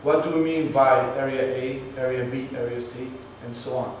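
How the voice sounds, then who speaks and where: A man's voice: medium pitch, steady tone, normal speed. A tour guide, chatting patiently to his group on a moving bus. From Palestinian, from Jerusalem. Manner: chatty, explaining patiently with jokes. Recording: echoey distant voice, bus noise.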